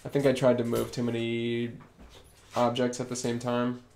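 A man's voice: medium pitch, monotone, moderate pace, darkish tone, a little hiss or hum. A man live-streaming as a game developer, explaining in a casual way and thinking aloud while he works.

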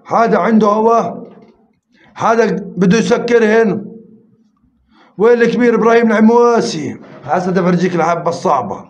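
A man runs a pigeon auction on a live stream, counting bids rapidly and coaxing viewers to join. The audio is roomy and slightly muffled, with faint noise and pigeons cooing behind him. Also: high-pitched.

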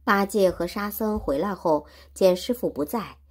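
A woman's voice: medium pitch, moderate pace, a little mellow, slightly rough. A woman teaching Chinese who retells a classic story in simple words and repeats and explains each phrase. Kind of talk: storytelling lesson.

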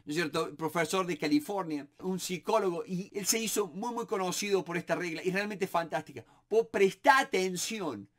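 A middle-aged man with a Rioplatense Spanish accent, teaching negotiation in a casual monologue, lively and repeating words as he thinks aloud. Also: sits high, normal speed, hardly any pauses. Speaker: negotiation instructor.

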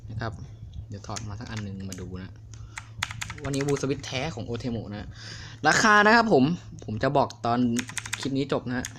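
A young man casually reviewing a mechanical keyboard, chatty and excitable, a little crude. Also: medium pitch, normal speed, slight background noise. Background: clicky keyboard typing.

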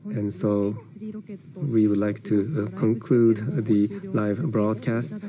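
A man delivers a live translation voice-over for a broadcast, his voice fairly low and his delivery slow and halting. He stumbles over fillers and restarts while interpreting, and a crowd murmurs clearly behind him on the broadcast feed. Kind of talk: simultaneous interpretation.

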